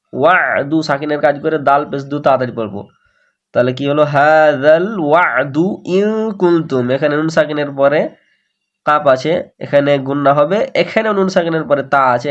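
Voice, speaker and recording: A man teaching Quran recitation, slowly reciting verses and explaining pronunciation rules. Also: fairly high pitch, muffled recording. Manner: slow melodic Arabic recitation between explanations. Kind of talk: slow tajweed lesson, reciting verses then explaining.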